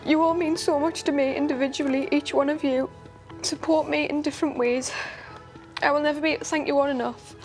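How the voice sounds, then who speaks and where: A woman's voice: sits high, fairly even intonation, fairly quick, a little mellow, soft background music. A young woman, reading an earnest, emotional speech to her family. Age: young adult.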